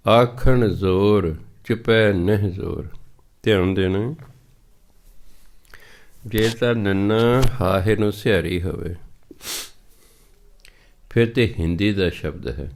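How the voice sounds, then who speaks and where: A man with a Punjabi accent preaching a scripture exposition, explaining verses and chanting them slowly. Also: low voice, darkish tone. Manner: slow, chants scripture lines in a drawn-out cadence. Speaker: religious preacher.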